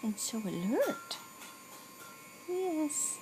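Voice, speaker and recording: A woman's voice: high voice, big pitch swings, very slow, background noise. A woman cooing and whispering tenderly to a newborn while filming at home. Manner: whispery, tender baby talk. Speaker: family member filming a newborn. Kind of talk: soft cooing to a baby.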